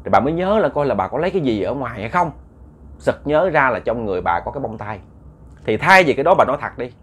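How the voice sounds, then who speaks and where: A man's voice: mid-range voice, sing-song, quick pace, a bit bright, slightly rough. A man telling a ghost story in a chatty, casual way. He repeats words often and talks straight to his listeners.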